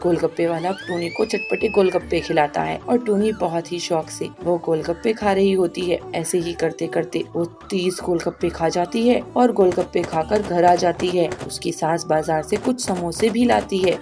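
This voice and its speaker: A woman tells a cartoon story in a low voice, reading a script. Her narration is clear and even. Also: moderate pace, few pauses, over music.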